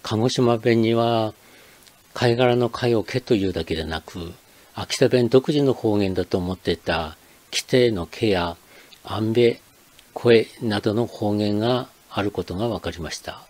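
An older man from Akita, Japan, reading a scripted narration as channel host in a measured, explanatory way. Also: fairly low pitch, darkish tone.

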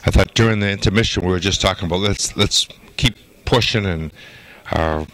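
Older male coach, low-pitched, measured and halting post-game answers, handheld interview mic. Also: a bit bright, low-quality recording. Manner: measured, halting with many "uh" fillers. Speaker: hockey coach. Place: indoor arena interview backdrop. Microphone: handheld mic held by interviewer.

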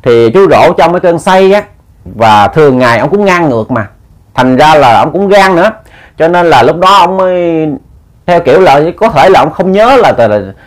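A man's voice: fairly high pitch, big pitch swings, normal speed. A man telling a ghost story in a chatty way, talking to his listeners with many fillers.

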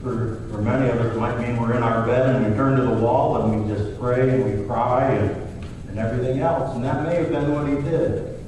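A middle-aged pastor preaches a sermon in a large church sanctuary, telling the story conversationally and voicing the characters he quotes. His voice is mid-range, with a steady tone and moderate pace. A far camera at the back of the church picks him up, so the recording sounds distant and roomy, with hiss.

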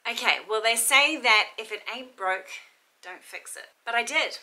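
A woman's voice: on the high side, moderate pace, bright, forceful tone, soft background music, low-quality recording. A woman, chatting upbeat and rambling to camera at home about her week. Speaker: lifestyle vlogger. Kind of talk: casual chat to camera. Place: home room, then kitchen table.

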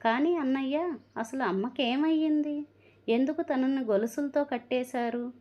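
A woman's voice: sits high, measured pace, pitched above the performer's own voice. Protective young woman, anxious, pleading tone, played by a female narrator, muffled recording. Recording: dull lo-fi recording.

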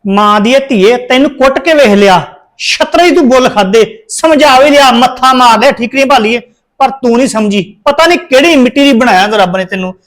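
A man's voice: extremely high pitch, lively intonation, fairly quick, fairly bright tone. An actor playing a bitter, scolding husband in a family drama, complaining as he talks. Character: bitter, scolding husband, fed up with his wife. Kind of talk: dramatic dialogue in a family serial.

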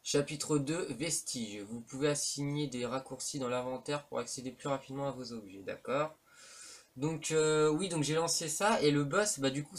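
A man giving casual, rambling commentary on a horror video game, full of hesitations and slang. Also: mid-range voice. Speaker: let's play commentator. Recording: faint background noise.

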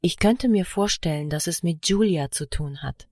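A woman's voice: on the low side, normal speed, darkish tone, dry recording, studio quality, close to an everyday voice. A woman reading the part of a level-headed female friend, matter-of-fact and irritated by drama.

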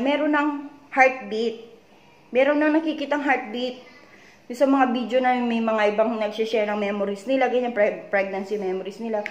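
A Filipina vlogger shares a personal story-time video in a worried, confiding tone, retelling conversations and tagging them again and again with "she said." Her voice is low, weak, and subdued, and the room is echoey with faint background noise.

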